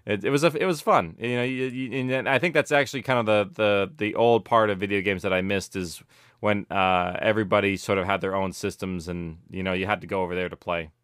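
In studio quality with a clean tone and no echo, a middle-aged audio drama producer talks briskly in a fairly low voice. Chatting casually as an interview guest, he rambles with animation, corrects himself along the way, and scatters "like" and "you know" throughout.

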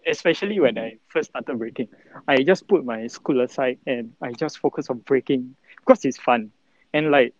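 A man's voice: mid-range voice, no room sound, lo-fi sound. A man in his twenties with a Singaporean accent, giving casual, rambling interview answers in colloquial Singlish, full of fillers and local particles. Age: 20s. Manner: colloquial Singlish with particles like lah, lor and mah; halting, rambling, heavy on filler words. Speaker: interview guest, breakdancer.

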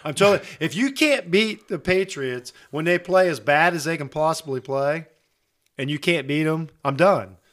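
A man trades opinions on a casual sports talk show, his voice sitting a little high. He is blunt and emphatic, laughs often and repeats himself as he drives his point home. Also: lively intonation, moderate pace, fairly bright tone. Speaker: sports podcast co-host.

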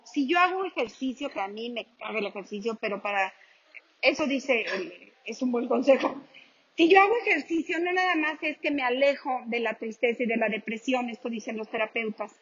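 A middle-aged woman with a Mexican accent speaks to a live audience in a high, bright voice. She jokes and acts out the people she quotes. The sound is a little dull and lo-fi. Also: a little hiss or hum. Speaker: motivational speaker.

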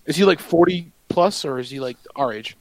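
A man's voice: on the high side, animated, brisk, no room sound, poor audio. A man in casual podcast chat, laid-back and joking about music. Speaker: podcast co-host.

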